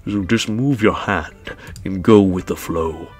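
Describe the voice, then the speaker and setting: A man voicing a sinister young female club president in a put-on evil villain voice, with a breathy whisper and slow, menacing phrasing. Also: deep voice. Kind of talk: video game voice-over.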